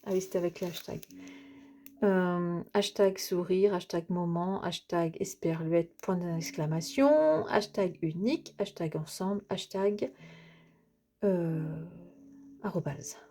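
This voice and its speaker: A woman's voice: on the low side, takes it slowly, dark tone, a little hiss or hum. A woman chatting casually to her viewers as she unboxes craft items, hesitating often with filler sounds. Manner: chatty, addresses the viewer directly. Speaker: craft vlogger.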